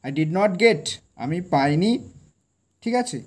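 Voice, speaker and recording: A man teaching English by reading a story aloud and translating it line by line. He reads the English slowly and with stress, explains each word, and keeps asking a quick tag question to check that the listener is following. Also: on the high side, lively intonation, a little mellow.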